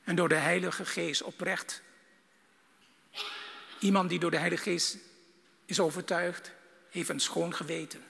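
Fervent male preacher, high gravelly voice, husky edge, recorded in a big reverberant hall. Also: steady tone, a little slow, pauses often. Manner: fervent, swinging from loud bursts to hushed lines. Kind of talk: sermon.

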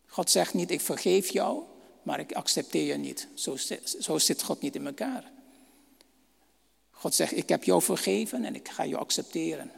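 A man's voice: fairly high pitch, animated, moderate pace, creaky, breathy edge, big-room sound. A man preaching a sermon, reading Bible verses and asking rhetorical questions.

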